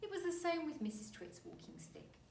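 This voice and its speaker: A woman reading a children's story aloud like a teacher, with dramatic, deliberate emphasis. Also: sits high, very animated, vocal fry, a little mellow. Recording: roomy, distant mic, faint noise.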